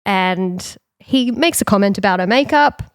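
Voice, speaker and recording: A woman's voice: medium pitch, clean tone, no echo, clean studio sound. Woman co-host retelling a story. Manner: animated retelling with quick acted-out quotes. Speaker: podcast co-host. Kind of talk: casual storytelling chat.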